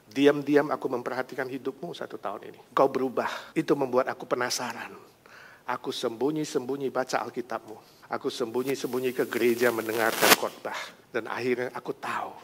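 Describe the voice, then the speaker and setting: A man's voice: medium pitch, steady tone, a little fast, fairly bright tone, long reverb tail, a little hiss or hum, natural voice. A man voicing an exasperated, hard-drinking middle-aged husband who mockingly complains. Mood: tender.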